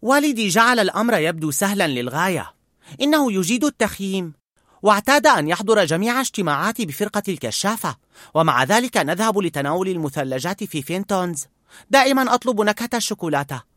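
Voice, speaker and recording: A man doing a high, eager boy scout. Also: sing-song, fast talker, no room sound, clean studio sound. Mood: chatty. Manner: high-pitched, loud and earnest.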